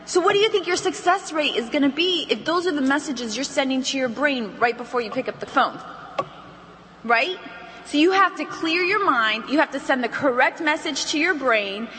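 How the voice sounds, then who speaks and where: An animated woman leads a sales training session for a live audience. She jumps into acted-out phone calls with big, lively voices. Her tone is bright and sits a touch high, with long reverb from a big hall and faint background noise. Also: moderate pace.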